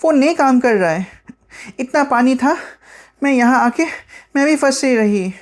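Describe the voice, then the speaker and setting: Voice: high voice, animated, unhurried, voice pushed up. A storyteller voicing a blunt young girl who scolds and teases her friend. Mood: exasperated.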